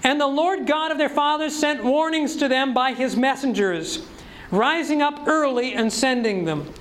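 Male preacher, very high-pitched, emphatic sermon delivery heavy on rhetorical questions. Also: normal speed, a bit bright, a little hiss or hum, poor audio.

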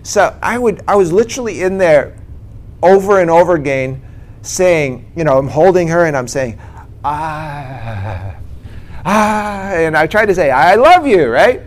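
A man's voice: a little high, animated, moderate pace. Chatty man sharing his own testimony. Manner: keeps checking in with "right?" and "okay?". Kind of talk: personal testimony, conversational.

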